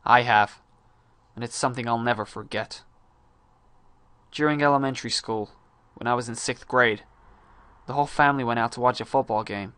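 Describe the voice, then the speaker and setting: Male actor as restless, disillusioned high-school guy, hammy stage monologue delivery, mid pitch, close dry recording. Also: normal speed, sharp tone, smooth, dry recording, lightly acted. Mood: intense, frustrated. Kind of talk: dramatic monologue reading.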